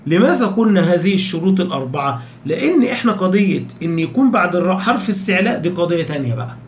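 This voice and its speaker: High-voiced Egyptian man teaching tajweed. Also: sing-song. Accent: Egyptian Arabic. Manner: explains rules with repeated questions, slows down to recite examples. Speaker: Quran recitation teacher. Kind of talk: tajweed lecture. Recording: echoey room with faint background noise.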